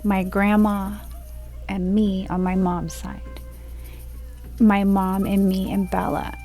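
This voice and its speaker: A woman in her forties from Florida telling a personal story from home in a slow, rambling monologue that drifts onto tangents. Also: medium pitch, level tone, warm tone, faint music behind. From Florida, USA. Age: 40s. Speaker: spiritual video creator. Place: at home, indoors.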